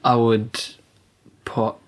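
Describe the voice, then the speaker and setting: A man's voice: medium pitch, monotone, drawn-out words. A man guesting on a podcast in casual chat, wry with joking asides.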